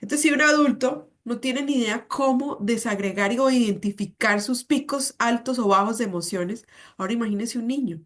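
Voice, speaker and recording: A woman's voice: on the high side, normal speed, hardly any pauses. A woman psychologist, giving a conversational talk on parenting full of rhetorical questions.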